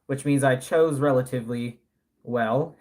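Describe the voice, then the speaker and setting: A man's voice: mid-range voice, measured pace, a little mellow. A man in his early twenties chatting casually on a live stream, rambling with many fillers and self-corrections. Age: early 20s. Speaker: live streamer and doll artist.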